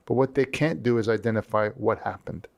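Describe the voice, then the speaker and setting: A man talking as an interview guest, with an animated storytelling manner. He acts out the voices of people he quotes, and his pitch moves around a lot as he explains his points. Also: a little fast, gravelly, lo-fi sound. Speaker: leadership strategist guest. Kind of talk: conversational interview.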